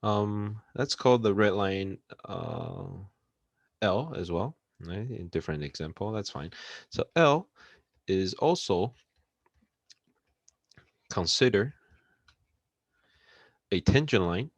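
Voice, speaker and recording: A man giving a recorded math lecture, unhurried, with frequent fillers and checks for understanding. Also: on the low side, animated, no echo, dull audio. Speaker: math instructor.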